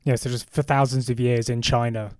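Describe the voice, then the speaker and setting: A young adult man, a comedian co-hosting a podcast, riffing on absurd ideas in a deadpan casual way. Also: mid-range voice, a little fast, no echo.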